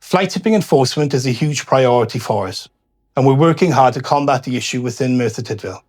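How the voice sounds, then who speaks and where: A man giving a scripted public address as a local councillor, speaking in a formal, measured way. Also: medium pitch, animated, darkish tone. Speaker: local councillor, cabinet member.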